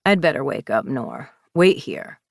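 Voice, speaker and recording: A woman voicing a gruff, blunt man in an audiobook, teasing and grumbling. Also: extremely low pitch, expressive, a little slow, no room sound, clean studio sound, exaggerated voice. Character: gruff grumpy man woken early.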